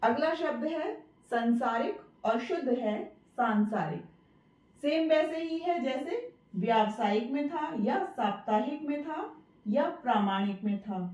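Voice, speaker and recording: A woman's voice: sits high, a little mellow. A woman hosting her channel and teaching spelling, patiently saying each word again and asking and answering her own questions. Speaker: Hindi teacher and channel host. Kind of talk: spelling lesson to camera. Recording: roomy, distant, dull sound.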